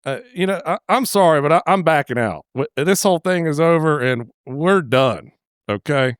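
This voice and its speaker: A man's voice: expressive, normal speed, clean tone, dry recording, clean studio sound, natural voice. A man voicing a nervous, indignant young woman who stammers. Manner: squeaky, stammering, exasperated.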